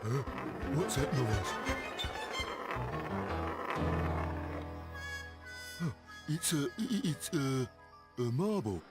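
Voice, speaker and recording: An actor playing a dim, eager, childlike cartoon villain's sidekick who talks in a hesitant stammer. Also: male voice, on the high side, sing-song, normal speed, loud music behind the voice. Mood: puzzled, anxious. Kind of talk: animated cartoon voice acting.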